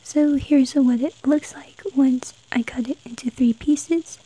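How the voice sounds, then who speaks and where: A woman hosts a craft tutorial in a breathy, whispered voice. Her pitch is high and her tone is very soft and dark, with no brightness to it. She explains gently, one step at a time. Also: fairly even intonation, unhurried, rough recording. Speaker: host of an art tutorial.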